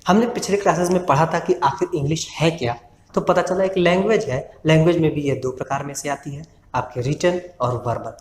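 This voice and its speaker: A man's voice: a little high, brisk. A male teacher giving an online English grammar lecture in Hindi. He asks his class questions and then answers them himself. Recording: echoey room with faint noise.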